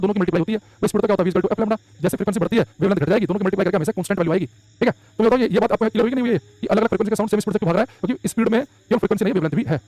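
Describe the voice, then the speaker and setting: A male teacher lecturing a class in a classroom, dictating notes slowly word by word and then explaining quickly. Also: high-pitched, a little mellow.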